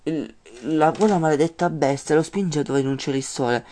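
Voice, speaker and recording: A man's voice: on the high side, brisk, darkish tone, a little hiss or hum. A man teaching a lesson on a classic poem, explaining at length and often stopping to restart his words. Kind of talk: informal lesson.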